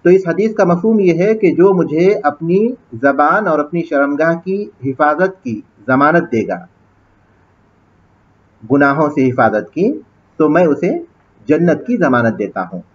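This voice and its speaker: A male teacher giving a classroom lecture, explaining grammar step by step, quizzing his students and reciting Arabic passages slowly. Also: on the high side, lively intonation, dull audio. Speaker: teacher of an Islamic studies course.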